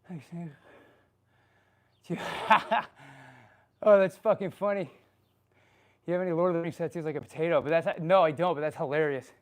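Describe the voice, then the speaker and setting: Working out in his home exercise space, this man fields live chat questions while winded, joking around, cursing casually and laughing a lot. His voice sits fairly high, with fairly even intonation, a moderate pace and long pauses.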